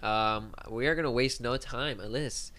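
A man's voice: mid-range voice, moderate pace, bright, forceful tone. A young man hosting a podcast in casual, laid-back chat with slangy reactions. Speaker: podcast host.

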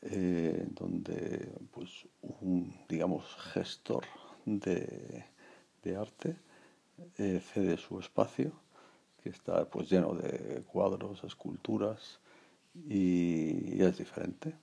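Gravelly low-voiced man around sixty. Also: extremely slow, dark tone. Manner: rambling, reflective, many fillers and restarts. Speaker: podcast host. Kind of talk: casual personal monologue.

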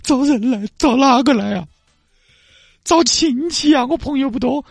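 A man voicing a whiny, self-pitying woman truck driver who is stranded on the highway in a comedy skit. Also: moderate pace, vocal fry, husky, no echo, studio quality, soft background music, heavily acted. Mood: whiny, tearful. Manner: whiny, self-pitying wailing and dramatic complaints. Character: weepy, helpless woman trucker, middle-aged.

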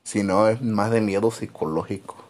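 A young man with a Mexican accent, chatting casually as a podcast co-host and telling stories in a slangy, swearing, animated way. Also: on the low side, normal speed. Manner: slangy, animated storyteller who swears a lot. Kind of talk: casual chat.

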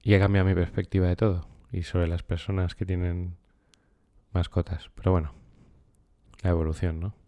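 A deep, mellow-voiced man talks calmly and unhurriedly. He hosts a relaxed solo podcast, sounding close and dry with no room echo. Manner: calm, unhurried. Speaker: podcast host and trainer. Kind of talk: casual podcast monologue on a book.

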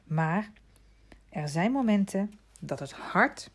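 A woman reading a children's novel aloud as an audiobook, calm and measured, dropping to a hush at quiet moments. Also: mid-range voice, slight background noise. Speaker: audiobook narrator. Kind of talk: scripted storybook narration.

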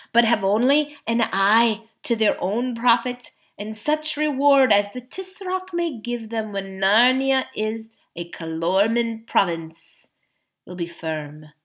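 Silky purring storybook cat, sly and coaxing, slow and unhurried, voiced by a woman. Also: fairly high pitch, a bit bright.

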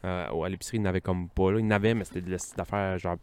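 A man's voice: low-pitched, fairly even intonation, rapid-fire, a little hiss or hum. A man with a Québécois French accent co-hosting a podcast in casual chat, slangy, swearing freely and laughing often. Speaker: podcast co-host.

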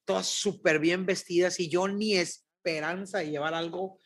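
A middle-aged Mexican woman, a guest prophet, telling a lively faith story on a podcast and acting out the dialogue. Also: lowish voice, moderate pace. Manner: animated, acts out dialogue.

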